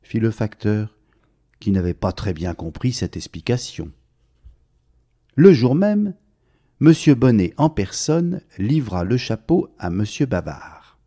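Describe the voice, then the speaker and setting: A man tells a children's story at an unhurried pace, his pitch rising and falling expressively. His tone is warm and mellow, and he speaks gently to the young listener, drawing them into the tale. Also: animated.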